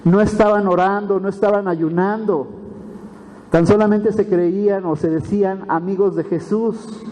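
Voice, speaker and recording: Man, pastor, sermon, mellow voice, slightly high, long church echo. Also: a little slow. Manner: animated storytelling with frequent tag questions. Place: church hall.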